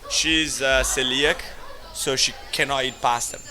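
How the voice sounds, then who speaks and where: An Italian man in his thirties, a restaurant owner, tells stories in a casual interview with an Italian accent. His voice sits at medium pitch and moves a little slowly. He's animated, laughs often, and acts out the voices of people he quotes.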